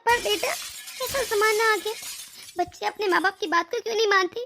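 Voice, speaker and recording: A woman's voice: very high voice, moderate pace, bright, forceful tone, faint music behind, exaggerated voice. A woman voicing a stern, protective older mother in a cartoon, lecturing her daughter. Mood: hurt. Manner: scolding, lecturing. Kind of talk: cartoon voice acting.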